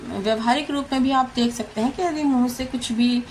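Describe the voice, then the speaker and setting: A woman teacher working through exam questions one by one, repeating each answer and pausing often. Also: high voice, darkish tone, slight background noise, low-quality recording. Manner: slow, deliberate, repeats answers with frequent hesitations. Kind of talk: exam question walkthrough lesson.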